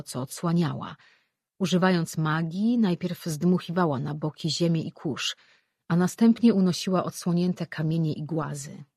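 A steady, measured fantasy narration read by an audiobook narrator. The voice is husky and a little breathy. It is recorded close and dry. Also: mid-range voice, no room sound.

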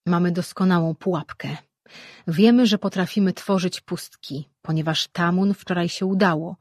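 A woman voicing a confident, decisive male sorcerer in an audiobook, reading in a husky voice. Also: fairly low pitch, normal speed, a little mellow, dry recording, clean studio sound, lightly acted. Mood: steady. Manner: firm, decisive.

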